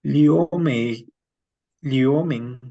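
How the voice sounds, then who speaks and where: Slow, gravelly student, muffled audio. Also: male voice, medium pitch, dark tone. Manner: slow and hesitant. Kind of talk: answering in class.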